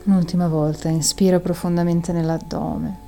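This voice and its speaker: A woman guides a breathing meditation, her fairly low voice soft, soothing and calming, with long exhales you can hear. She speaks at a normal speed over soft background music.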